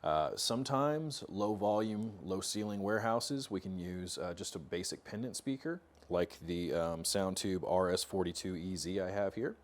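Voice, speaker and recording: Speaking at a normal speed with few pauses, this low-pitched American man in his thirties hosts an informal product tech talk, explaining things casually to camera. Slight background noise fills the indoor workshop studio, which has metal cabinets.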